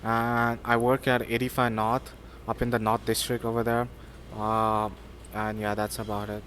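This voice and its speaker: Answering interview questions with plenty of fillers, this Sindhi-speaking student from Pakistan, in his 20s, sounds relaxed but hesitant. He has a fairly low pitch and speaks at normal speed. A little hiss or hum is audible.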